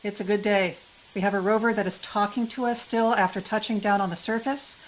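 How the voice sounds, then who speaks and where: A woman's voice: mid-range voice, fairly even intonation, a little fast, low-quality recording. A woman giving informal live commentary, chatty and thinking aloud as she goes.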